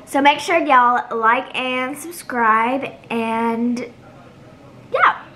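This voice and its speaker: Speaking very slowly in a sharp, higher-pitched voice, a young American teenage girl chats informally in her casual cooking vlog. She's indoors in her home kitchen, filming with the camera at arm's length.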